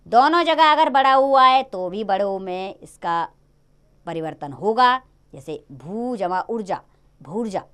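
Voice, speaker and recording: A woman's voice: medium pitch, unhurried, clear, resonant tone. A woman teaching a grammar lesson to children, explaining rules step by step and stressing each example. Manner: lively, sing-song explaining with stressed examples.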